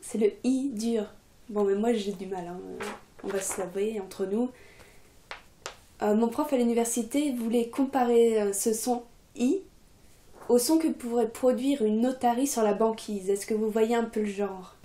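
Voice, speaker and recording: A young adult woman giving a casual video lesson, relaxed and chatty with many fillers. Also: on the high side, measured pace, roomy sound. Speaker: Russian teacher, channel coordinator.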